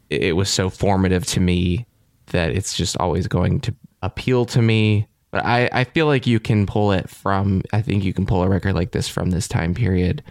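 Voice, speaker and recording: A man with a fairly low voice co-hosts a casual podcast conversation. He speaks eagerly and keeps reaching for the right words. His voice is dry and close to the mic. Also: darkish tone, dry recording. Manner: enthusiastic, searching for words. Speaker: podcast co-host. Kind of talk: casual chat.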